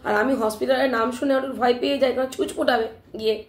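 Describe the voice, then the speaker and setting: Woman live-streamer, high voice, sore throat, animated storytelling, echoey room. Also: very fast. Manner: animated, emphatic retelling with frequent "ঠিক আছে?" check-ins.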